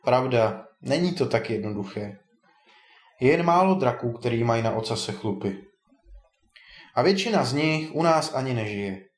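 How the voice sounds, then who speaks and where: A man voicing a kindly, teasing old male wizard in a storybook tale, a bit higher than his narration. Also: animated, pauses often, lightly acted. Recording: roomy echo.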